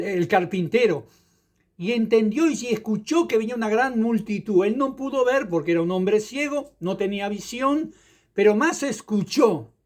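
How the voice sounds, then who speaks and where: A man's voice: high voice, a little mellow. A man, an evangelist, preaching a fervent sermon and dropping in hallelujahs as he goes.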